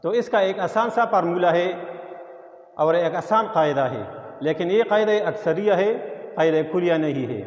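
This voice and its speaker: Male phonics teacher, slightly high voice, patient listing delivery, echoey and dull room recording. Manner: explains slowly, listing example words. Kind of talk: phonics lesson.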